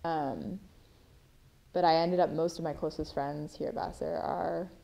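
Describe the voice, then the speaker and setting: A young woman with a very low voice and a gravelly edge speaks in a documentary interview. She is a college student, thoughtful and unhurried, often pausing on an "um" as she sorts her thoughts. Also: fairly even intonation, mellow. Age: 20s. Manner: reflective, frequent ums.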